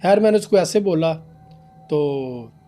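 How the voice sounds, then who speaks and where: A young man, a podcast guest telling an animated story about a paranormal case. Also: a little high, unhurried, soft background music. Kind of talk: casual storytelling in a podcast interview.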